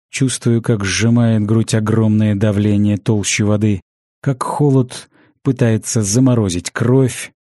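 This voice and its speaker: A man narrating a fantasy audiobook in a measured, even storytelling manner on a close studio mic. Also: fairly low pitch, no echo.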